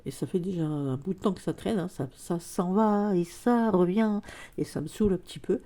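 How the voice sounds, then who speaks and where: A woman vlogs casually while congested from a cold, her speech hesitant and packed with fillers. She speaks at a moderate pace in a lowish, dark voice.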